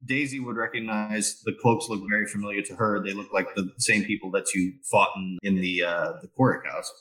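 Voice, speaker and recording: Low-voiced man narrating as game master. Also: fairly even intonation, bright, forceful tone, recorded from a distance, rough recording. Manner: unhurried scene-setting with fillers.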